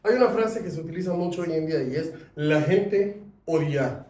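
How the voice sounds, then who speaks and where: A man teaching a sales class, lively, asking his students questions. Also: high-pitched, rapid-fire. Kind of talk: classroom lecture. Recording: echoey room, mic at a distance.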